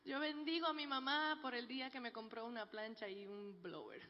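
A woman gives a church testimony, telling her life story with a joking, warm manner. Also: on the high side, normal speed, slight background noise. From Puerto Rico. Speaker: guest speaker giving a testimony. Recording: dull, echoey large hall.

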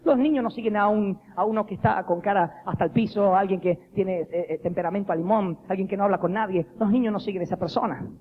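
A man preaching a lively, jokey sermon, acting out the voices he quotes. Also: sits high, fast talker, hardly any pauses. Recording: dull lo-fi recording with faint noise.

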